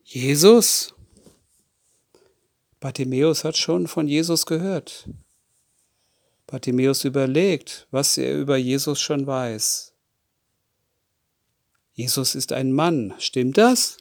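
A man with a medium-pitched, gravelly voice tells children a Bible story at an unhurried, deliberate pace, often pausing to put questions to his young listeners. The recording is dry, with no room sound.

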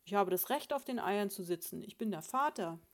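A woman reading a storybook, voicing an indignant, pompous male sparrow husband who blusters loudly at his wife. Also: mid-range voice, unhurried, natural voice.

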